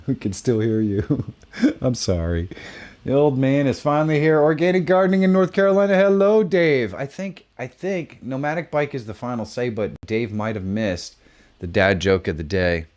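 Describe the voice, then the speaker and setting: A man's voice: on the low side, unhurried. A man hosting a casual live stream, chatting with viewers in bursts of exclamations and reading out their messages. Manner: animated, bursts of exclamations, reads chat aloud. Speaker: host of a live creator hangout.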